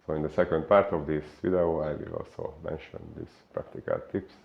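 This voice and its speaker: A man from Hungary with a Hungarian accent, a fitness coach giving an unhurried explainer talk full of filler pauses. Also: very deep voice, big pitch swings, creaky, muffled recording, a little hiss or hum.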